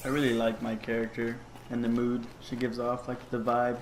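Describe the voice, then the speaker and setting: A man's voice: medium pitch, completely flat delivery, normal speed. A man giving chatty, joking commentary while playing a video game. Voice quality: jokey, chatty, calls characters buddy. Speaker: let's play gamer. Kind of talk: casual gameplay commentary. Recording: echoey room with clear noise.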